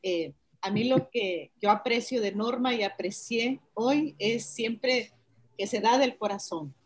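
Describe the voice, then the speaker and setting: A woman's voice: fairly high pitch, slow pace, breathy edge, low-quality recording. A woman speaking on a video call in an online webinar, giving sincere, affectionate feedback. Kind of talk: heartfelt remarks on a video call.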